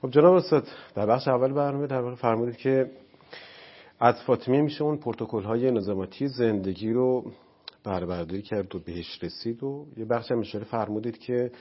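A man's voice: medium pitch, husky, lo-fi sound. A man hosting a talk show, speaking politely and deferentially to his guest. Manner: polite, deferential, honorific phrasing. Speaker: show host.

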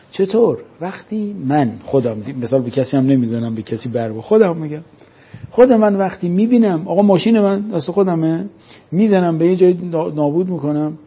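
A man lecturing a class, animated and full of rhetorical questions. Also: fairly high pitch, slightly rough, highs cut off. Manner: animated, rhetorical questions, acts out scolding parents. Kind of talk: religious-minded lecture to a class.

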